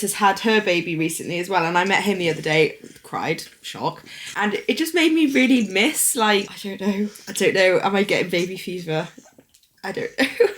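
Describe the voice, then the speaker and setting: A woman's voice: mid-range voice, fairly bright tone. A young woman and mother of twins, chatting casually to camera, sore after a run, emotional and full of asides. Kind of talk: casual vlog chat to camera.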